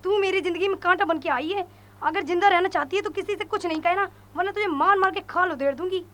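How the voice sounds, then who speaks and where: A woman's voice: very high voice, fast talker, a bit bright. A woman playing a spoiled, scheming young daughter who threatens and lies to her parents. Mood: menacing.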